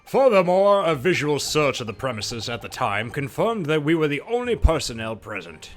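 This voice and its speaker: Guy doing a stiff military-type witness, clipped like a radio report, bouncy pitch. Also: very animated, moderate pace, faint music behind. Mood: officious.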